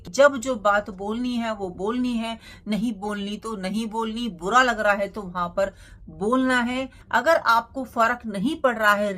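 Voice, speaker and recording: Woman host, earnest motivational talk, asks rhetorical questions, mid-pitched voice. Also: fairly bright tone.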